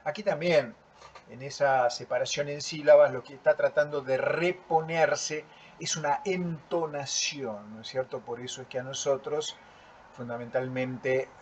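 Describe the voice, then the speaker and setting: Slow, deliberate male teacher. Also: medium pitch, fairly even intonation, slight background noise. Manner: slow and deliberate, frequent checking "¿sí?". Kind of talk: lecture reviewing student work. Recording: dull lo-fi recording.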